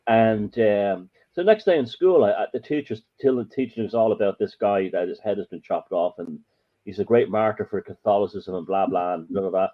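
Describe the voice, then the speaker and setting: Recorded in muffled lo-fi audio, this podcast guest from Ireland rambles through his stories emphatically in a casual chat. He has a fairly low voice and speaks at a moderate pace.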